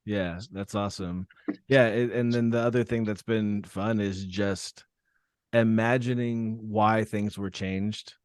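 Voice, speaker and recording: A man's voice: on the low side, steady tone, a little slow, darkish tone, smooth, no echo, clean studio sound. A man hosting a podcast, asking rambling, enthusiastic questions in casual chat. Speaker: podcast host.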